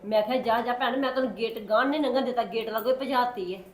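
A woman with a Punjabi accent playing a sly neighbour in a short film, talking quickly and repeating her denials. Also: a little high, lightly acted. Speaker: neighbour Sukhwinder.

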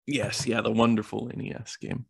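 A man's voice: on the low side, little pitch movement, brisk, gravelly, slightly rough. A man co-hosting a film podcast in casual chat, laughing often and bantering with his partner. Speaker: podcast co-host.

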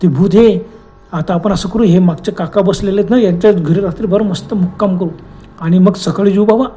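A man voicing the driver's tipsy friend, who speaks in excited, urgent bursts. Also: sits high, fairly quick, soft background music, close to an everyday voice. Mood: alarmed. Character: drunk male friend of the driver, jolted awake.

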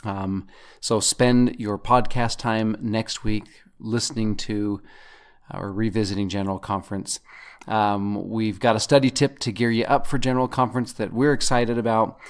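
A man's voice: fairly low pitch, little pitch movement, normal speed, clear, resonant tone. A man in his thirties co-hosting a casual scripture podcast with his wife, playful and at times putting on a mock radio-announcer voice. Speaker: podcast co-host.

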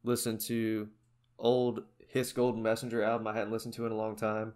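A young man co-hosts a podcast, chatting casually and rambling about records and bands with lots of fillers in a relaxed way. His voice is on the low side and a little fast.

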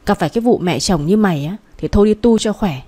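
A woman's voice: mid-range voice, expressive, fast, dark tone, slightly rough. A woman voicing a blunt, nagging old village woman who talks coarsely. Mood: scolding.

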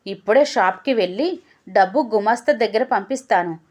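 Woman voicing a calm clever husband. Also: medium pitch, normal speed, lightly acted.

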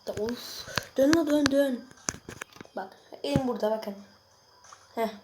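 A young girl chatting excitedly to viewers while she plays a mobile game, reacting loudly to each moment. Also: fairly high pitch, unhurried, background noise. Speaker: gaming video creator. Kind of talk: casual gameplay commentary. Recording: music playing behind the voice.

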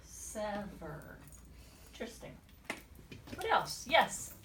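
A woman teacher leading a classroom word-study lesson, encouraging and repeating words slowly and deliberately. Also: on the high side, sing-song, background noise. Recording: echoey classroom from far off.

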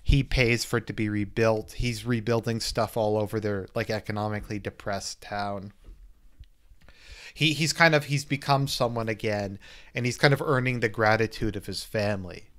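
A man's voice: on the low side, moderate pace, fairly bright tone. Man casually reviewing a movie. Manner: loose, rambling retelling of a plot. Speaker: film reviewer.

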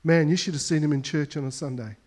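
A man's voice: fairly high pitch, fast talker, darkish tone. A male pastor preaching a sermon, telling a story with emphasis and often repeating words as he goes.

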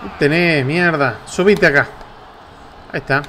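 A man with an Argentine accent giving excitable, profane commentary while playing a wrestling video game. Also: fairly high pitch, normal speed. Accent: Rioplatense Spanish. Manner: excitable, swearing, taunting the game. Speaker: gameplay streamer. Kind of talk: casual gameplay commentary.

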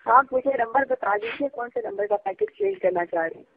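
A high, lively, gravelly-edged woman's voice comes through a thin, tinny phone line. She is a customer service agent on a call, and she talks very fast. She stays formal and keeps saying "sir", but she is plainly running out of patience. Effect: heard over a phone line.

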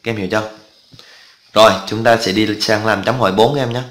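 A man's voice: lowish voice, steady tone, a little fast, a bit bright. A man teaching a math lesson in a casual, chatty way, often stopping to ask students whether they follow. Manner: chatty, asks students checking questions often. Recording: echoey room.

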